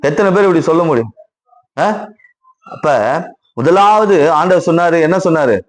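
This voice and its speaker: A man's voice: on the high side, expressive, moderate pace. A middle-aged man with a Tamil accent preaches a Sunday sermon in a slightly raised voice. He repeats his phrases and keeps turning questions back on the congregation. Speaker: pastor.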